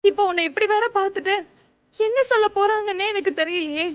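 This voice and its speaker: A worried, pleading young wife. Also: female voice, very high voice, fast, no room sound, highs cut off. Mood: anxious. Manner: anxious, pleading, near tears. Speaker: Kavya, elder sister-in-law. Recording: TV drama with loud background music.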